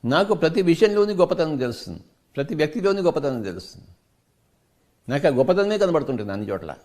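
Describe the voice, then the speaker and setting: Animated, fast-talking man giving a spiritual discourse. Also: a little high. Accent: Telugu. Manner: emphatic, preaching with rhetorical questions. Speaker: meditation teacher.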